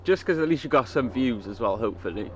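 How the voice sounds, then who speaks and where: A man's voice: mid-range voice, expressive, quick pace, slight background noise. A young British man co-hosting a podcast, chatting casually and agreeably in slang. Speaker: podcast co-host. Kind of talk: casual banter.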